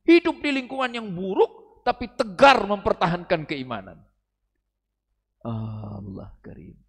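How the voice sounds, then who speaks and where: A man preaching in a mosque study session, animated, swinging from soft asides to loud exhortations. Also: high-pitched, unhurried, creaky, breathy edge, big-room sound. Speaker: Islamic preacher.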